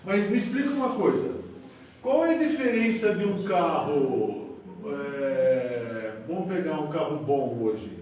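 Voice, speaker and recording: A man's voice: fairly high pitch, very animated, measured pace, a little mellow, slight background noise. Man leading a talk, echoey and distant. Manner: explains with examples, hesitant fillers. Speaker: discussion leader, teacher. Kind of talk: casual group lesson. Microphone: camera mic, speaking from a distance. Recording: distant echoey camera recording.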